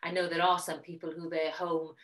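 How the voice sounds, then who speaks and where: A woman in her forties with a South Wales Valleys accent, a magazine editor chatting as an interview guest in a measured, self-correcting way. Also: lowish voice, little pitch movement, fairly bright tone, rough recording. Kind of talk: casual interview chat.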